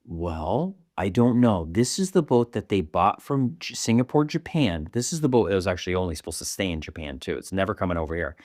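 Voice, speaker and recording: Low-voiced rambling male podcast co-host. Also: sing-song, a little fast, hardly any pauses, a little mellow, no room sound, studio quality. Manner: rambling, restarts, swears casually. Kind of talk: casual chat.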